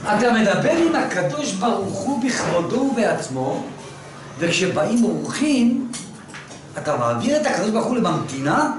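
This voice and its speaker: A male religious teacher telling a story to a class, animated and moving between hushed and loud. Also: sits high. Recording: echoey room, distant mic, noisy.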